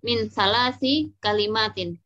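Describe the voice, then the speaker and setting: A woman student reading an Arabic text aloud in an online class, halting and hesitant, with frequent restarts. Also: medium pitch, bright, forceful tone, highs cut off.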